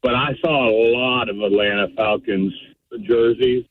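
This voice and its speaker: A man calling in to a talk show from his car on speakerphone, talking casually with halting starts. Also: lowish voice. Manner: halting, restarts often. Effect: phone on speaker in a car. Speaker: caller. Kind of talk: casual call-in chat. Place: driving in a car. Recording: tinny speakerphone line.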